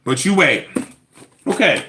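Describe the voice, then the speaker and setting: A man recapping a reality show in casual, sassy commentary, animated and repeating his phrases for emphasis. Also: on the high side, measured pace, a little hiss or hum.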